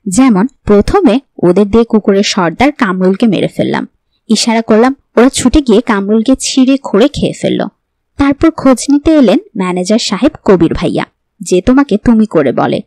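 A woman's voice: mid-range voice, sing-song, moderate pace, mellow, dry recording. A woman voicing a young pregnant wife who is oddly cheerful. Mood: cheerful, teasing.

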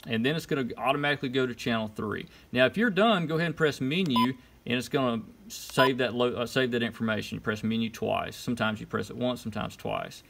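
A man with a mid-range, fairly bright voice gives an informal how-to demonstration at an indoor desk, talking through each step in short, casual instructions. He moves at a quick pace with few pauses. Button clicks and electronic beeps come through clearly in the background.

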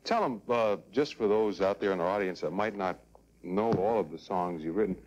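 Man, TV talk show host, chatty leading questions, lowish voice, muffled old broadcast audio with hiss. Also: moderate pace, a little mellow. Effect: old 1960s TV broadcast recording. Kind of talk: interviewing a guest. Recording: dull, noisy 1960s TV broadcast.

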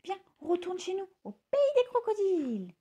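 A woman voicing a bold, cheeky young male bird in a children's story, with a high, eager voice. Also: very animated, moderate pace, warm tone.

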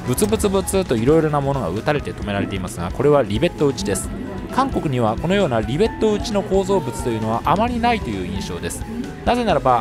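A man narrating his solo trip as a travel vlogger, chatty and explanatory with light joking asides. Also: fairly high pitch.

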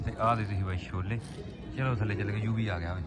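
A man's voice: on the low side, fairly even intonation, fast talker, loud music behind the voice. A man chatting informally to viewers like mates in a rustic, casual vlog. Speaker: pigeon-keeping vlogger. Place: outdoors on a rooftop at a home. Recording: noisy outdoor ambience, birds behind. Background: birds and outdoor ambience.

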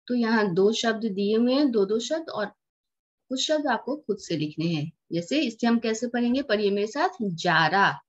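A woman's voice: fairly high pitch, animated, moderate pace. A woman teaching a lesson to young children, patiently repeating words and explaining each one in English. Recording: dull lo-fi recording.

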